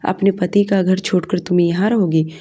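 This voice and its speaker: A woman's voice: fairly low pitch, fairly even intonation, warm tone, husky. A woman voicing a furious, domineering young businessman husband in an audio story, harsh and commanding. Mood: angry, domineering. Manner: harsh, commanding, fast when angry.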